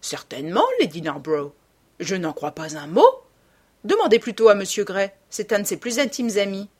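A woman voicing a witty, cynical aristocratic gentleman in an audiobook, delivering his epigrams dryly. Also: medium pitch, animated, moderate pace, breathy edge. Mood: ironic. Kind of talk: audiobook character reading.

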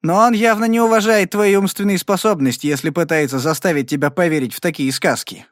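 A man's voice: high voice, steady tone, a little fast, no echo, studio quality, voice pushed up, lightly acted. A man reading an audiobook and voicing a scheming rancher who gloats and mocks. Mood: gloating. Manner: gloating, mocking.

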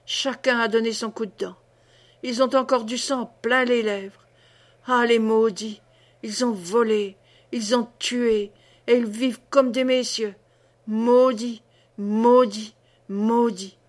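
Woman voicing a raving mad old woman, cursing, sing-song, fairly high voice, storybook. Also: lightly acted. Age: older.

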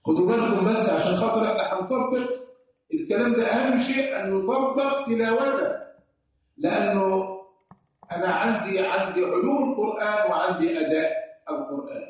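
A man's voice: sits high, a little fast. A man with an Egyptian accent teaching Quran recitation rules to a class, asking questions and chanting examples. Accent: Egyptian Arabic. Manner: sing-song explaining, asks class questions. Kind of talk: classroom lecture. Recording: echoey room, distant dull mic.

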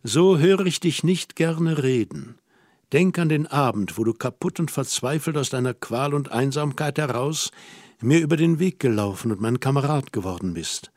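A man reading the part of a worldly, teasing young woman in an audiobook, gentle and lightly mocking. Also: mid-range voice, expressive, moderate pace, no echo, studio quality, close to an everyday voice.

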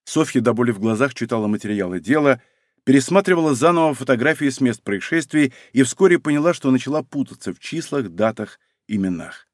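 A man narrates a novel with lively pitch and expressive delivery. The recording is dry, close and clean. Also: brisk, dry recording. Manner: expressive storytelling. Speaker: audiobook narrator. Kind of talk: scripted narration.

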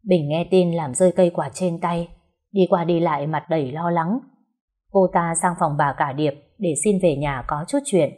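A woman's voice: fairly low pitch, normal speed, a little mellow. A woman narrating a dramatic story in a scripted way.

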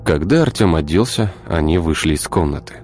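A man narrating a dark audiobook story in a measured, even reading. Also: very deep voice, faint music behind.

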